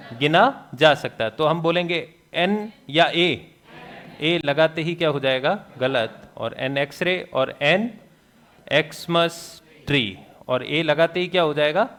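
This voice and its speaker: A male teacher lectures a class. He keeps throwing quick questions at the students and answers them himself, with jokes along the way. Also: a little high, a bit bright. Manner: jokey, laughs at his own remarks.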